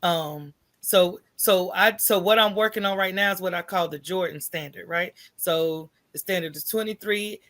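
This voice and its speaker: Speaking at a normal pace with few pauses, this coffee shop owner, a middle-aged American, has a lowish voice as she guests on an interview. Her storytelling is lively and casual, full of acted-out asides and "right?" check-ins.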